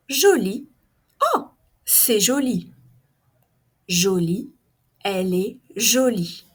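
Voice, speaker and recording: A woman teaching pronunciation, saying each word slowly and carefully, repeating it, and explaining the spelling directly to her learners. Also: medium pitch, slightly rough. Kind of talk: pronunciation lesson.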